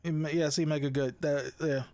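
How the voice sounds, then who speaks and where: A man's voice: a little high, fairly even intonation, brisk, a little mellow, no room sound. A young man hosting a casual podcast chat, rambling with lots of restarts, swearing and laughing. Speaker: podcast host.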